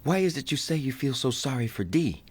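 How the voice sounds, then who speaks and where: A man voicing an earnest, easily flustered young detective in an anime dub, hesitant and excitable. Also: mid-range voice, fairly quick, breathy edge, dry recording. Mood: hesitant, pensive.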